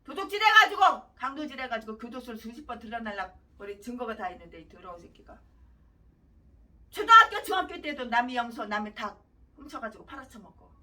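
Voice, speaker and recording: A woman preacher with a high, sharp, bright voice that keeps swinging from shouted outbursts to low muttering. Her voice sounds a little distant, as if she stands back from the mic. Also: sing-song, fairly quick. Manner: ranting, abrupt swings between shouting and muttering. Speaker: pastor. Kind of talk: sermon.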